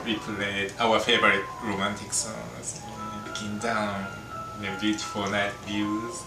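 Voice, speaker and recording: A Japanese man in his thirties, a native Japanese speaker chatting in halting English on a couple's vlog and laughing often between words. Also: lowish voice, little pitch movement, reverberant, far from the mic, over loud music. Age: 30s. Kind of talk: casual chat.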